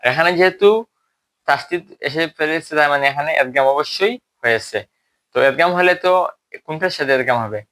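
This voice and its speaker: A man teaching a recitation lesson, explaining rules step by step, checking that students follow, and slowly modeling drawn-out examples. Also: a little high, bright, forceful tone.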